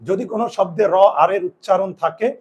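A man's voice: high voice, brisk, highs cut off. A man teaching a spelling lesson to students, repeating each rule and asking questions he then answers himself. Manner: repeats rules, asks and answers own questions. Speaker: Bengali grammar teacher.

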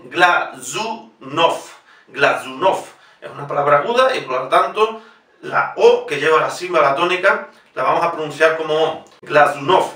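A man giving a pronunciation lesson, slowly spelling out names syllable by syllable. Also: a little high, sharp tone. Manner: slow, deliberate spelling-out of names. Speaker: piano teacher. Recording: echoey room, mic at a distance.

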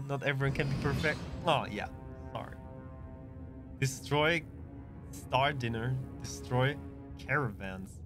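Slow, relaxed male game streamer. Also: mid-range voice, over music. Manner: relaxed, chuckling asides. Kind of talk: live game commentary.

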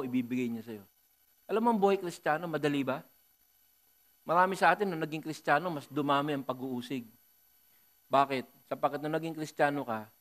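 Emphatic Filipino pastor preaching. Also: male voice, mid-range voice. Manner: emphatic, rising to loud bursts, joking asides. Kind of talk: Taglish sermon.

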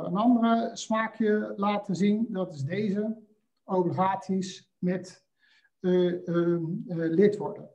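A man presenting a screen-share software walkthrough, talking hesitantly with frequent filler sounds. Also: sits high. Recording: slightly dull lo-fi audio.

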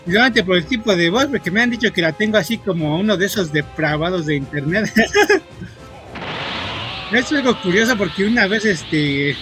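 A man from Mexico with a Mexican accent, chatting to viewers while he plays, rambling, filling every pause with "este" and swearing at the game in bursts. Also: high-pitched. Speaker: gaming streamer. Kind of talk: casual gameplay commentary to viewers. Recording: loud game music under the voice. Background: game music.

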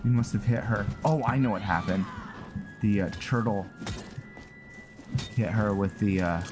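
In a fairly low voice at a measured pace, a man narrates his gameplay over game music. He keeps it casual, voicing his thoughts and offering mild exclamations.

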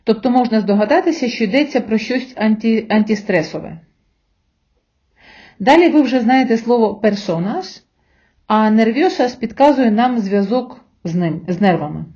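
A woman teacher talks learners through a recorded language lesson, slow and patient, pausing so they can repeat after her. Her voice sits a little high with a mellow, soft-edged tone. The recording is dull and lo-fi. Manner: slow, patient explaining with pauses for repetition. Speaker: Spanish teacher.

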